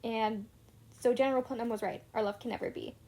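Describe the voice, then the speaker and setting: A woman's voice: fairly high pitch, fairly even intonation, a little fast, dark tone. Chatty young woman recapping a book. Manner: chatty retelling with many "like" fillers. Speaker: book reviewer.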